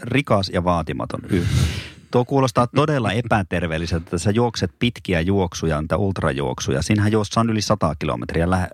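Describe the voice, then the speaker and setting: Middle-aged man, deep voice, podcast co-host, self-deprecating, dry close sound. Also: expressive, dry recording. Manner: self-mocking, laughs often. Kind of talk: casual chat.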